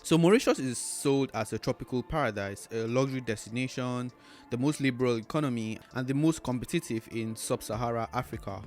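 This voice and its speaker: A man's voice: medium pitch, a little fast, darkish tone, faint music behind. A man, a travel vlogger earnestly telling his own experience in a casual, conversational way. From Nigeria. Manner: earnest, conversational, fond of "like" and "you know". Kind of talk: casual personal storytelling to camera.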